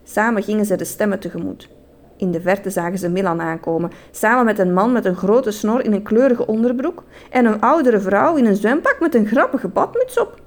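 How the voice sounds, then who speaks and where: A woman reading a children's story aloud in an animated, sing-song way. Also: medium pitch, a little fast.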